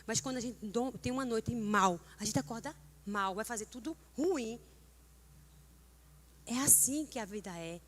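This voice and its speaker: A woman's voice: a little high, moderate pace, pauses often. A middle-aged woman from Brazil giving a heartfelt testimony and exhortation at a church prayer meeting, earnest and emotional, rising to fervent emphasis. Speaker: church speaker leading prayer.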